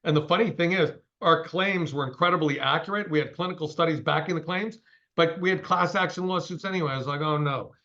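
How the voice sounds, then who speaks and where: A man's voice: fairly high pitch, quick pace, sharp tone, lo-fi sound. A man in his sixties, a company CEO, giving a straight-talking, emphatic interview over a call. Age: 60s.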